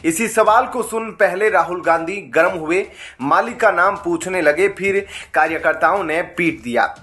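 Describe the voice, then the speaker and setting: A man reading a scripted news voice-over in a steady, formal newsreader manner. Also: high-pitched, measured pace, faint music behind. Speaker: news narrator.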